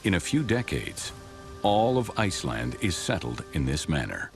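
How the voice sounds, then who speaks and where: A man giving scripted documentary narration in a deliberate, expressive storytelling delivery over background music. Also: sits low, creaky.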